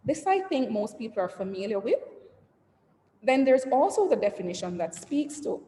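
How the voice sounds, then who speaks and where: Over a video call, a female executive presents on branding to entrepreneurs at normal speed in a warm, sing-song, slightly high voice. She keeps it conversational and interactive, questioning the audience, reading out the chat, and ending lists with "et cetera." The recording has faint noise and a reverberant, roomy sound.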